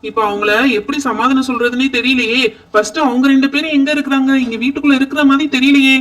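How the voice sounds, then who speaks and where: A man's voice: very high voice, level tone, quick pace, a bit bright, distant mic. A man voicing helpful young boys who chat and reassure a family in a doll show. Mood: reassuring. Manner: chatty, reassuring. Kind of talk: doll pretend-play voice acting.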